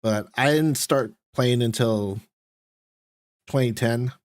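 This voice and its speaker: During a gaming livestream, an American streamer makes casual, rambling conversation. He speaks slowly in a medium-pitched voice.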